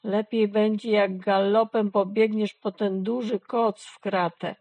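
A resolute male dog from a children's storybook who takes charge and reassures everyone, voiced by a woman reader. He talks slowly and firmly. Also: medium pitch, little pitch movement, a little mellow, dry recording. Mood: decisive. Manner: decisive and reassuring.

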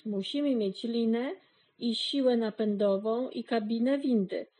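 A woman's voice: fairly high pitch, unhurried, warm tone, poor audio. A woman voicing a meticulous, clever female pig who lists things carefully in a storybook reading. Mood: thorough. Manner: precise, enumerating.

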